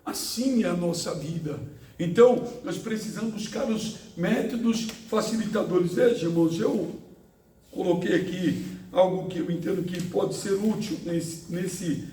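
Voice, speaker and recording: High-voiced pastor teaching in echoey hall. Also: male voice, dark tone, slight background noise. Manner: speaks slowly with many fillers, rhetorical questions. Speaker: pastor teaching a Bible lesson. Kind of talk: church Bible-class teaching. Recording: echoey room, voice from far off.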